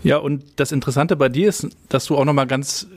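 A man's voice: medium pitch, fairly even intonation, brisk, no room sound. A middle-aged man hosting a podcast, chatty and friendly, with frequent fillers. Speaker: podcast host. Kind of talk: casual interview chat.

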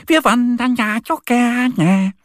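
A storyteller voicing a cheerful, fearless little female duck in a children's story, speaking high and bright. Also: a little slow, no echo, studio quality, exaggerated voice. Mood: cheerful, bold. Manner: bright, confident, excited.

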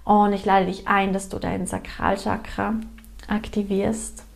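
A woman's voice: medium pitch, flat delivery, unhurried, creaky. Woman guiding a meditation. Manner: gently instructing with repeated invitations and phrases. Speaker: meditation guide. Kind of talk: guided meditation, spoken directly to the listener.

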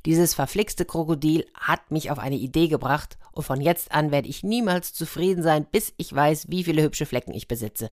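Brief: woman doing an excitable storybook leopard, low voice, exclamatory. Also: moderate pace, hardly any pauses, no echo, studio quality, close to an everyday voice. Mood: eager. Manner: exclaiming, fretful then overjoyed. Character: vain fretful male leopard obsessed with his spots.

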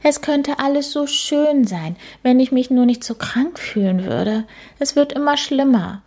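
A woman's voice: high-pitched, lively intonation, measured pace, darkish tone, pitched above the performer's own voice, exaggerated voice. A woman voicing a whiny, weary ghost lady. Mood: plaintive. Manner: whiny, plaintive. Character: sad, tired female ghost, polite and whiny. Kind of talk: storybook reading.

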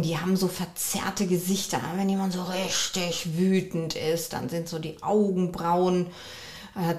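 A woman hosts a calm solo podcast as a coach and couples therapist. She speaks unhurriedly in a slightly low voice, measured and reflective. The room adds a noticeable echo. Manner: measured and reflective, with frequent affirming "ja".

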